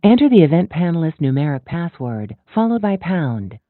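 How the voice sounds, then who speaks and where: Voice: mid-range voice, big pitch swings, moderate pace, no echo. Glitchy automated phone-line prompt voice. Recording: tinny, dry phone line from far off.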